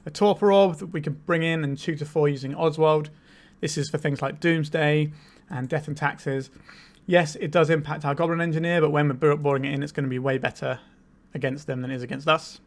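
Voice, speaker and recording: This card game player has a cold and seems a bit worn out as he explains his deck in a relaxed way, musing aloud over his moves. He hosts the channel, and his voice is fairly high and bright.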